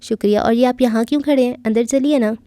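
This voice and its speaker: A woman reading the lines of a shy, reserved young woman in an audiobook, soft and hesitant. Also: on the high side, dry recording, lightly acted.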